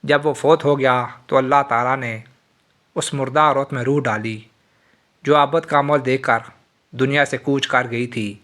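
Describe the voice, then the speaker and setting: A man narrating a religious moral tale in a solemn, steady storytelling voice. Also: medium pitch.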